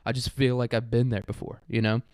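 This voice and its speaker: A young American man hosting a solo podcast rambles through a casual comedic monologue with a crude, irreverent edge. His clear, smooth voice sits in an ordinary middle range with a darkish tone and a flat, fast delivery. The space sounds very dry, with no echo.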